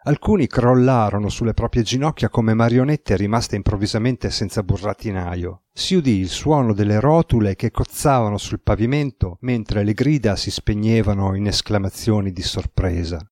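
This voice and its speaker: A man giving a steady, measured scripted narration of a novel as an audiobook reader. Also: fairly low pitch, no room sound, studio quality.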